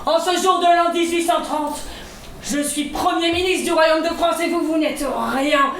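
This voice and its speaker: A woman's voice: extremely high pitch, steady tone, a little slow, slight background noise. A woman playing an imperious, menacing male prime minister in a historical stage drama, declaiming pompously. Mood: smug. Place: theatre stage in Paris. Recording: echoey theatre, distant microphone.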